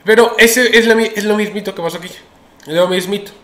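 A man's voice: high voice, fast talker, fairly bright tone, reverberant. A man hosting a casual crypto news show, chatty and opinionated, with many restarts and fillers.

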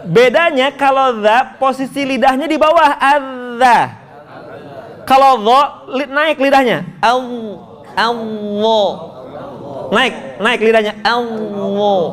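High-voiced jokey Quran teacher, a man. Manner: jokey, coaxing, models sounds slowly. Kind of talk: Quran pronunciation lesson.

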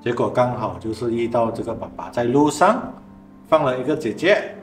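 A man, a spiritual master co-host, calmly explaining and reacting in casual chat. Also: medium pitch, normal speed, reverberant, soft background music. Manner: calm, reacts with short interjections then explains.

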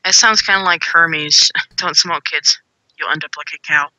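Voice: mid-range voice, fairly even intonation, moderate pace, noisy background. A gamer chatting casually and joking around while playing with friends. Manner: joking, rambling. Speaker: gamer in voice chat. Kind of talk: casual game chat.

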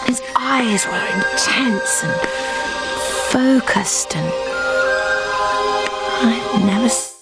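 An actress playing a dreamy, awestruck young lady explorer in an animated film. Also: on the high side, extremely slow, long pauses, heavily acted, rough recording. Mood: awestruck, breathless. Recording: film clip under loud music.

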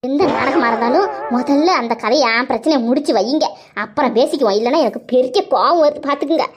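A woman's voice: high-pitched, fast talker, over music, natural voice. A woman voicing an old mother in a cartoon who scolds her grown children. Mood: reproachful. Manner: reproachful, nagging. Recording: dull lo-fi sound.

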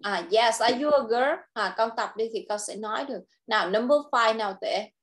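A woman with a Vietnamese accent tutoring English, patiently coaxing and modelling sentences slowly. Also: a little high. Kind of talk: online tutoring lesson.

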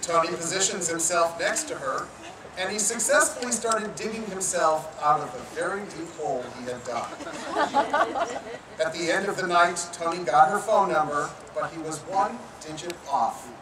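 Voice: medium pitch, moderate pace, crowd noise. Playful wedding officiant, distant and echoey. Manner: playful, teasing storyteller. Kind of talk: wedding ceremony storytelling. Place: outdoor public garden. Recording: echoey, distant outdoor sound with noise.

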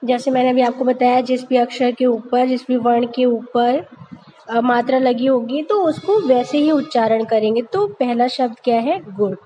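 A woman's voice: on the high side, normal speed, dark tone, slight background noise, low-quality recording. A woman teaching young children over pictures, patiently asking questions and answering them herself. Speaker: primary school teacher. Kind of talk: narrated lesson over slides for young children.

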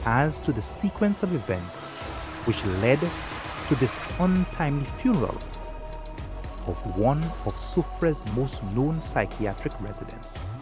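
Slow, solemn male documentary narrator. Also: medium pitch, very animated, over music. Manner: solemn, measured. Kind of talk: scripted narration.

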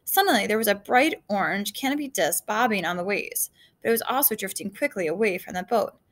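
A woman's voice: medium pitch, animated, a little fast. A woman reading a children's adventure novel aloud, casual, with slips and asides to her listeners.

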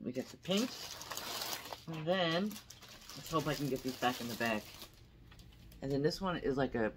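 A woman's voice: extremely low pitch, animated, normal speed, background noise. A woman vlogger unboxing her yearly yarn haul at home, chatting unhurriedly and reading out the labels. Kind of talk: casual unboxing chat.

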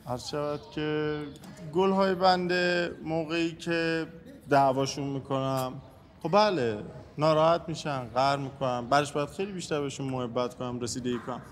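An actor playing a polite young florist who speaks formally with deadpan humor. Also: male voice, a little high, in a large hall, natural voice. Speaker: florist partner.

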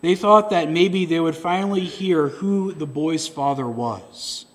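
Man, pastor, sermon, storytelling, somewhat high voice, church. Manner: unhurried storyteller, voicing characters in the story. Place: church sanctuary.

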